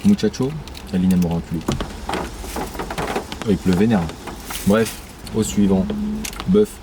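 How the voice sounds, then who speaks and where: A man's voice: deep voice, moderate pace. A young man vlogging casually to camera outdoors, slangy and joking as he tastes food, swearing freely. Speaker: travel vlogger. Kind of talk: casual vlog chat to camera. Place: outdoors in the rain. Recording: loud rain and outdoor noise. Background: rain and passing traffic.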